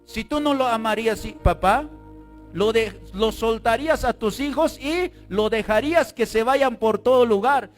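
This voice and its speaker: A male pastor preaching a fervent sermon, breaking into shouts and calling on the congregation to repeat words after him. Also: very high-pitched, moderate pace, faint music behind.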